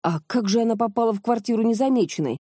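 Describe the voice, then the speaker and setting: A woman's voice: fairly high pitch, fast, dark tone, husky, dry recording, studio quality. A woman voicing a skeptical, thoughtful old grandfather in an audiobook.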